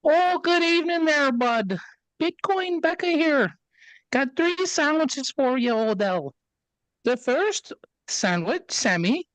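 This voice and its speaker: A woman's voice: high voice, no room sound, rough recording. A woman voicing a chirpy female menu presenter, doing a put-on Canadian-British accent with Scottish touches and upbeat announcer patter.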